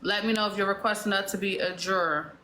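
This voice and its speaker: A woman with a mid-range voice talks fast as she hosts a live online panel, calling people up one at a time and keeping things orderly. Her manner is steady and organizing in this casual live-stream moderation, with a little hiss or hum on the audio.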